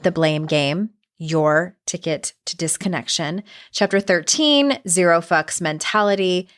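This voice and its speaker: A middle-aged woman hosting a casual solo podcast, candid and conversational, with some vocal fry in her voice. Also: lowish voice, fairly bright tone. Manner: candid, conversational, with mild swearing. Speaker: podcast host and self-help author.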